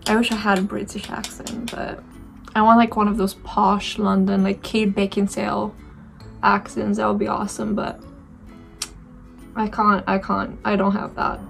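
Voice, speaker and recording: With soft music playing behind her, a Romanian beauty vlogger in her twenties chats to the camera while putting on makeup, reflective and casual, with plenty of fillers and restarts in her Romanian-accented speech. Her mid-range voice is level, fairly bright, and has vocal fry, and she talks at a normal pace despite a dry throat.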